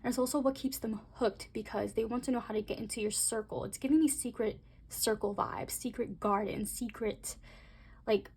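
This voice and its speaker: Husky, gravelly-voiced woman giving a tarot reading. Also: on the high side, steady tone, a little mellow. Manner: chatty, rambling, speaks straight to viewers; talks fast by her own account. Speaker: tarot reader. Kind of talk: casual tarot reading to camera.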